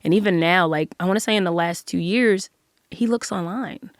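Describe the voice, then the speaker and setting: Reflective woman guest, low voice, dry sound. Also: moderate pace, no room sound. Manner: open, reflective, full of filler likes. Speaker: podcast guest. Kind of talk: casual interview chat.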